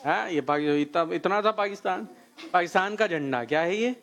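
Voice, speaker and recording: Brisk man hosting a children's quiz. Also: high voice, a bit bright. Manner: brisk, coaxing, cheering right answers. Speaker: host of a children's program.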